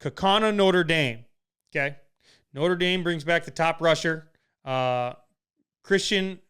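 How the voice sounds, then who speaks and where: A man's voice: fairly high pitch, slow, a bit bright, smooth. A young man from Wisconsin co-hosting a casual podcast, giving emphatic, opinionated sports talk. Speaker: podcast co-host.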